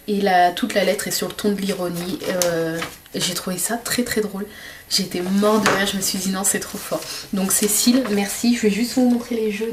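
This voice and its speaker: A woman's voice: mid-range voice, noisy background. A woman chatting casually to her camera as a vlogger, with many fillers and restarts. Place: home workshop.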